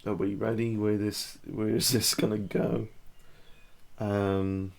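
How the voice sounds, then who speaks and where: A man speaks at an unhurried, measured pace. His voice carries a gravelly, fry-heavy texture. He comments casually to camera on body language and coaches the listener through each pose. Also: on the low side, level tone, a little mellow. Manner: demonstrative, talks the viewer through poses.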